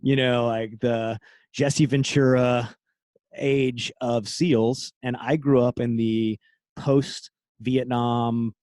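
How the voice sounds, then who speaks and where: A man's voice: medium pitch, level tone, takes it slowly, darkish tone, no room sound. Candid, laughing middle-aged man. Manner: candid, laughs often, trails off and restarts. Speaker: guest, former special forces operator. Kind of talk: casual podcast conversation.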